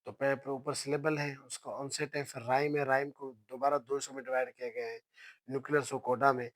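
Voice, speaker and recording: A man's voice: mid-range voice, flat delivery, brisk, a bit bright, dry recording. A man giving a patient lecture with slides. He often repeats his points and checks for understanding, and he switches between Hindi and English. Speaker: phonetics teacher.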